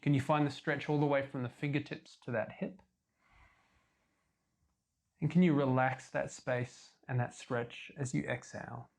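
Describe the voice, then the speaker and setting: A man leading a guided yoga class as instructor, giving calm, measured step-by-step cues. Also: medium pitch, gravelly.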